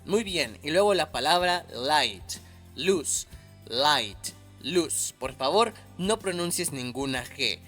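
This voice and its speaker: Guy teaching english vocab, goes real slow and repeats stuff, lively up and down voice, quiet music under it. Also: a little high. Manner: patient, repeats each word slowly and clearly. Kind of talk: slow, careful language lesson.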